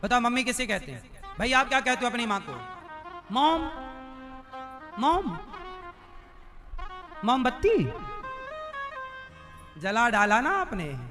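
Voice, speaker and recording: A man's voice: very high-pitched, sing-song, takes it slowly, long pauses, over music. A man giving a devotional discourse as preacher, quizzing and teasing his listeners with rhetorical questions and scolding answers. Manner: quizzes and teases the audience with questions.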